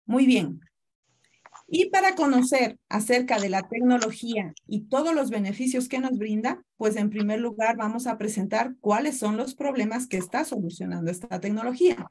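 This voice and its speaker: A woman's voice: fairly high pitch, moderate pace, darkish tone, slight background noise. Ecuadorian woman presenting a webinar. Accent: Ecuadorian Spanish. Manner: courteous, greets attendees by name, explanatory. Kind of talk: online presentation.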